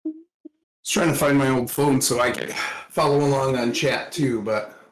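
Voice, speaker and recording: A man co-hosting a family livestream from home, talking in a relaxed, offhand way. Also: medium pitch, a little slow, reverberant, rough recording. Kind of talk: casual chat. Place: home kitchen.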